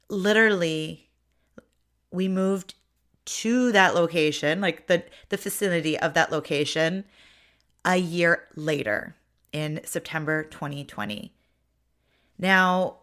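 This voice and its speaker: This lowish, somewhat bright voice belongs to a middle-aged Ontario woman running her own podcast. She talks in a conversational, thoughtful way, often starting her sentences over.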